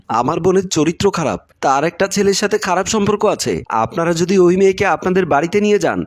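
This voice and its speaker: A spiteful young stepbrother who sneers and accuses in a fairly high male voice, played by a man in a spoken storybook. He sounds sly and scornful.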